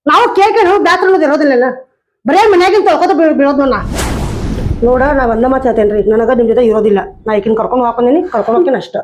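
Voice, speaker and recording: A woman's voice: high voice, racing, a little mellow, a little hiss or hum, lightly acted. A woman with a North Karnataka Kannada accent playing an angry wife who left her husband, arguing and scolding in a comedy skit. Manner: scolding, argumentative. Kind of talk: village comedy skit acting.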